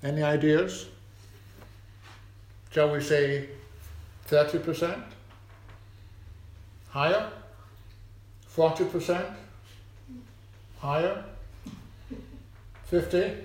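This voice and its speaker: A man's voice: fairly high pitch, fairly even intonation, drawn-out words, long pauses, a little mellow, reverberant. A man leading a children's talk at a church service, chatty, asking the congregation questions. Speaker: preacher. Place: church hall.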